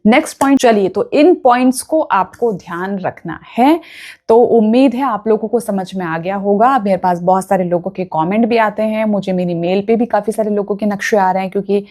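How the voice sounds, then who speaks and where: A woman speaks in as a vastu consultant, talking straight to her viewers in an earnest, instructive way. Her voice sits at a middling pitch. She keeps checking in that listeners are following her points. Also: moderate pace, dark tone. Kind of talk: direct-to-camera advice talk.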